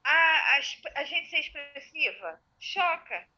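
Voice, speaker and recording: A woman telling stories in a casual chat, lively and expressive. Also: sits high, takes it slowly. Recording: tinny lo-fi phone line.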